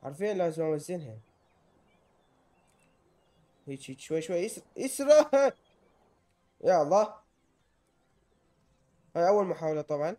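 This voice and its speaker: A young man with an Iraqi Arabic accent gives excitable let's-play commentary and often yells in panic while playing. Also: a little high, quick pace, long pauses. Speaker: gamer.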